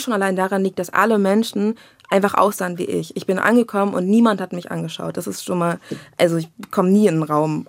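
Candid young Berlin woman with gravelly voice. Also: lowish voice, no echo. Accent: Berlin German. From Berlin, Germany. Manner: candid, reflective, slangy, quotes others in lively voices. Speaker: children's book and screenwriter, interview guest. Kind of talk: casual conversational interview.

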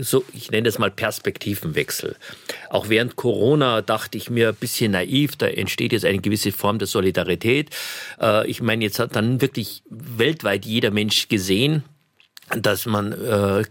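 A man's voice: fairly low pitch, a bit bright, no room sound, clean studio sound. A man as an interview guest on the radio, speaking emphatically and indignantly with many hesitations and restarts. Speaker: interview guest, care critic.

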